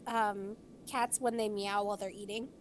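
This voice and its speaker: A woman's voice: mid-range voice, level tone, moderate pace, a little hiss or hum. A woman hosting a livestream, chatting casually and giggling as she plays. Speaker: livestream host. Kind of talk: casual gaming chat.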